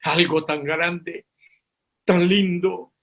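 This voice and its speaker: High-voiced man preaching a testimony. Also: fairly even intonation, extremely slow, a bit bright, highs cut off. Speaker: reverend. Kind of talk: testimony told from the pulpit.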